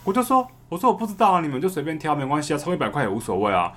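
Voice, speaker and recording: A man, telling a story in a casual podcast chat, fast, repeating words and laughing often. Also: a little high, wildly swooping pitch. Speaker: podcast co-host.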